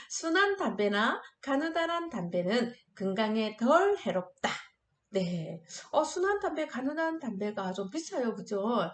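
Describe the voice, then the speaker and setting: A middle-aged woman with a fairly high voice runs an online class, coaxing and upbeat, stopping to lead shouted chants and clapping games. The sound is roomy, with the echo of a hard-walled room. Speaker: school anti-smoking instructor. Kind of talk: online classroom lecture with group exercises.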